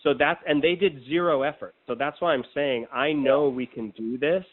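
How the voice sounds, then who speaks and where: On a tinny recorded phone call, an American man with a slightly high voice talks at a moderate pace. He's a political organizer laying out a plan, confident and informal in a casual conversation over the telephone.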